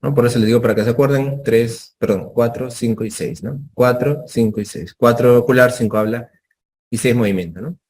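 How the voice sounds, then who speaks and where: A man's voice: mid-range voice, brisk, a little mellow, a little hiss or hum. Male medical lecturer, explanatory lesson, keeps asking "right?", plays out doctor-patient exchanges. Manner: frequent tag questions, acts out patient exchanges.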